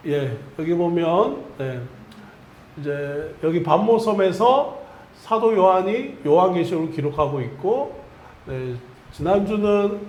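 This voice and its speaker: A man's voice: sits high, darkish tone, a little hiss or hum. A male pastor preaching a Sunday sermon, telling a story to his congregation and leading them in repeating a phrase. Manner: storytelling preacher, leads congregation in call-and-response. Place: church sanctuary. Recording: echoey church sanctuary.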